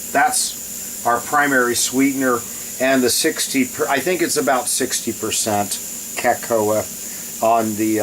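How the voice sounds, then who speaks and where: A man's voice: mid-range voice, poor audio. A man chatting casually and in a rambling way as he shows a recipe on a home cooking video, breaking off now and then. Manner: rambling, often breaks off to handle things. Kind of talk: casual cooking vlog chat. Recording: loud steady hiss behind voice. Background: loud hissing.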